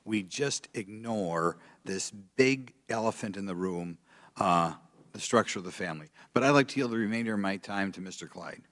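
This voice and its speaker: A man's voice: on the low side, normal speed, a bit bright. An older man, a politician giving rambling, plainspoken, aggrieved remarks off the cuff at a legislative hearing. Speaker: politician, congressman.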